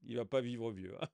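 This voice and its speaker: A man's voice: mid-range voice, vocal fry, a bit bright, no room sound. A man giving casual video commentary in a sarcastic, indignant way, often chuckling. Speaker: online commentator.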